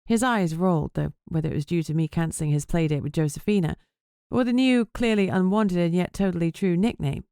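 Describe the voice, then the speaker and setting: Wry, self-mocking vampire journalist, read by a woman in a low-pitched voice, first-person storybook narration, dry close sound. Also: brisk, dark tone, clean tone, no room sound, natural voice. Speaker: audiobook narrator.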